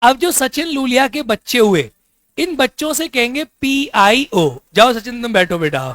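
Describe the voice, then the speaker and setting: Very high and sharp-toned, a man's voice is captured in a dry recording. He is lecturing a class, repeatedly quizzing the students and having them repeat answers, all while teasing and joking through the explanation.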